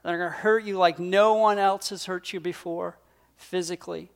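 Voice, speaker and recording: A man's voice: high-pitched, fairly even intonation, moderate pace, vocal fry. A man voicing God the Father, speaking to his son in an earnest, intense way in a sermon. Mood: solemn. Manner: earnest, intense, pleading to press on. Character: God the Father, solemn, fatherly, commanding male deity.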